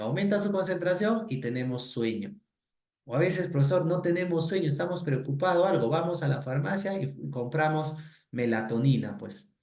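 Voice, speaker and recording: A male teacher lectures an online biology class at a plain middle pitch. He works through rhetorical questions and keeps tagging his phrases with "pues" and "¿no?". The room gives his voice a noticeable echo. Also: darkish tone. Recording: roomy echoey room.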